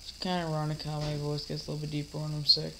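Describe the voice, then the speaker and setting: This teenage vlogger's voice is on the high side, monotone, creaky, and fairly bright, delivered rapid-fire over poor audio with a little hiss or hum. Catching a cold and lounging in a recliner in a dim living room, he rambles with fillers and restarts while mock-scolding an imaginary heckler.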